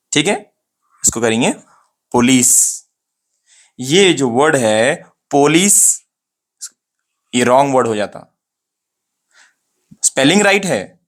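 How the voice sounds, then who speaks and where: Man drilling pronunciation, slow and repetitive. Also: medium pitch, a bit bright. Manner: repeats words slowly to model pronunciation, asks and answers himself. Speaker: English pronunciation teacher. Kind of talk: casual spoken lesson to camera.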